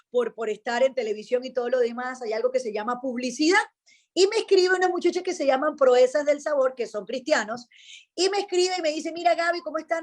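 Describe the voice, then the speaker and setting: A woman with a Venezuelan accent speaks with a notably high voice, telling a personal testimony in a relaxed interview. She brings the story to life by acting out each person's lines. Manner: animated storyteller, acts out dialogue. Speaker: radio host, interview guest. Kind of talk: casual testimony chat.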